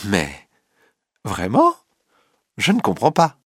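A man's voice: lowish voice, wildly swooping pitch, slow, slightly rough, dry recording, clean studio sound, heavily acted. A man voicing a flustered, proper society woman in a read-aloud story, protesting in startled, stammering phrases.

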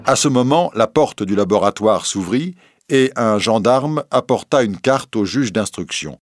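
A man narrating an audiobook in a measured, expressive reading style. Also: on the low side, slight background noise.

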